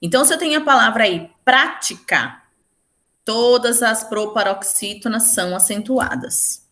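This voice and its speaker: A woman teaching a Portuguese grammar lesson for exam preparation, explaining step by step and slowing down to stress example words. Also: fairly high pitch, a bit bright. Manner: explains step by step, often checking in with "certo?".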